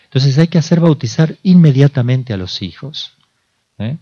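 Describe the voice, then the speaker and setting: Un sacerdote de Argentina que da una plática informal, le hace preguntas al público y recrea diálogos. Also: male voice, medium pitch, animated, normal speed, mellow, muffled recording. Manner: conversational, asks the audience questions, acts out dialogues. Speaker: priest. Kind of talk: informal sermon talk.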